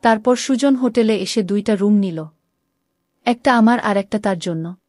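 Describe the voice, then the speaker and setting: Woman, first-person story narration, mellow warm tone, dry close sound. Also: mid-range voice, moderate pace, no echo. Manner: reads all characters in her own voice with small shifts.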